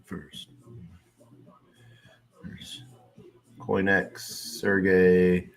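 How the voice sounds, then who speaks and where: Faint music sits behind a livestream host and crypto creator whose low-pitched voice is extremely slow and full of vocal fry. His talk is loose and relaxed with lots of fillers and the odd curse, turning into a hype announcer voice when he introduces a guest.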